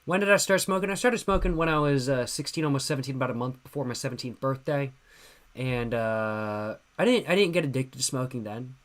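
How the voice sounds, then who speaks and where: A man in his twenties talks fairly quickly in a mid-range voice while hosting a laid-back livestream. He's tipsy, answers questions from chat using slang, and repeats his phrases.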